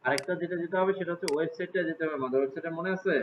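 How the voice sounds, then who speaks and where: Teacher with tinny lo-fi sound. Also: male voice, fairly high pitch, racing. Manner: casual, asks students frequent check questions. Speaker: computer class teacher. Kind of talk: live class walkthrough. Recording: tinny phone-like audio with faint hiss.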